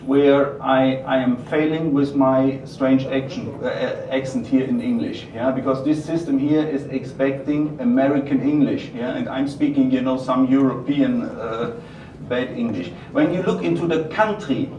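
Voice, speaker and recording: German guy w strong accent doing a product q&a, halting, far from mic, noisy room. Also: medium pitch, steady tone, echoey room, highs cut off. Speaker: company presenter taking audience questions. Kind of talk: live product presentation and Q&A. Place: roomy event venue.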